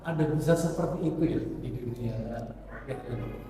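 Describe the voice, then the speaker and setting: A man's voice: medium pitch, a little fast, mellow. Hesitant man asking from the floor. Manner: hesitant, with fillers. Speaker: audience member asking a question. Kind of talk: question from the floor. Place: mosque hall. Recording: distant mic in echoey crowded hall.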